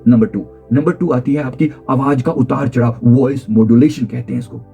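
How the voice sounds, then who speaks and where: An emphatic male life coach delivers a motivational lesson in a mellow, warm voice. He repeats key phrases and swings his pitch and pace up and down as he demonstrates. Soft music plays faintly under him. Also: moderate pace, gravelly, husky. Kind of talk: motivational talk on communication skills.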